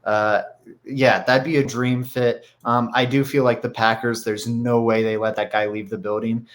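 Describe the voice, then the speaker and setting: A man's voice: mid-range voice, level tone, normal speed. A man with a stuffy nose co-hosting a sports podcast, rambling with lots of fillers and restarts. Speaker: podcast co-host. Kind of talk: casual sports talk.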